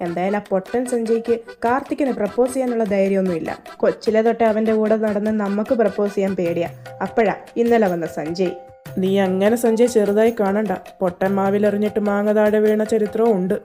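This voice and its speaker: A woman's voice: medium pitch, steady tone, fast talker, dark tone, soft background music. A woman reading a fan fiction audio drama, playing every role in teasing, bantering dialogue.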